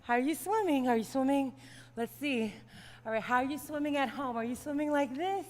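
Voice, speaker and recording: A woman's voice: sits high, fairly quick, a little mellow. A young woman leading a kids yoga class in a playful, upbeat way, laughing often. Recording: long hall reverb.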